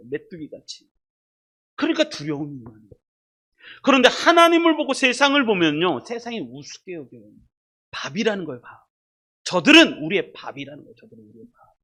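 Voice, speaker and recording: A pastor delivers a sermon with a lively, swooping voice. The delivery is dramatic, swinging from loud emphasis to near-whispered asides. The speaker repeats single words for weight and puts rhetorical questions straight to the congregation. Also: medium pitch. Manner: addresses the congregation directly and asks rhetorical questions.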